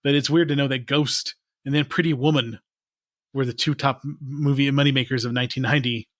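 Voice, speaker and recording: A man in his forties co-hosting a movie podcast in relaxed chat, rambling and laughing often. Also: medium pitch, a little fast, dry recording, studio quality. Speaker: podcast co-host. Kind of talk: casual chat.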